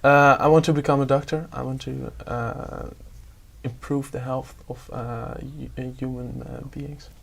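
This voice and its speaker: A man's voice: mid-range voice, level tone, unhurried, vocal fry. A young man, an exam candidate talking hesitantly and searching for words. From Netherlands. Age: young adult. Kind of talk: spoken exam discussion.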